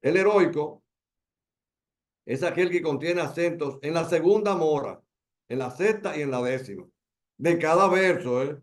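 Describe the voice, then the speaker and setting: A man with a Dominican Spanish accent teaching an online poetry workshop over a video call, emphatic, repeating key words and slowing down to stress them. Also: on the high side, lively intonation.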